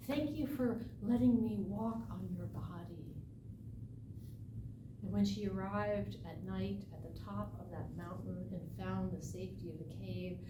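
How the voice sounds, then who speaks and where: A woman telling a folk tale aloud as a live storyteller, dramatic and deliberate, with emphatic phrases and pauses. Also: medium pitch. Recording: echoey, distant mic, noisy room ambience.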